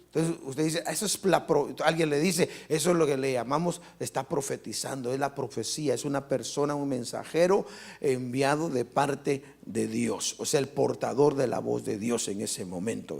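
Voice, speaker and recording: A man's voice: mid-range voice, normal speed, creaky, husky. A man preaching a fervent sermon as pastor at a live church service, often asking the congregation rhetorical questions.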